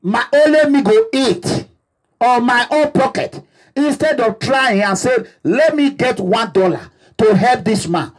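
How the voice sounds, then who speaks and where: Away from home, a Nigerian man leading an activist movement addresses his supporters in a fervent, preacher-like way, repeating himself often. He speaks unhurriedly in a very high voice.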